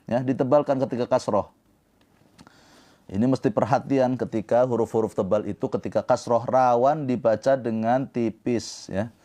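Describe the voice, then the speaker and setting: Slow explanations of Quran recitation rules come from a man with a steady, mellow, mid-range voice in a livestream lesson. Afterward he chants verses with long, melodic phrasing.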